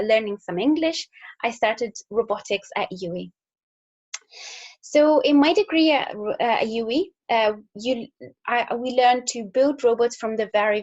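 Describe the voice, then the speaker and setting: Speaking to schoolchildren in a recorded talk, a young woman engineer from Italy chats casually with an Italian accent, using fillers and restarting sentences. The audio is lo-fi and her voice is a little high.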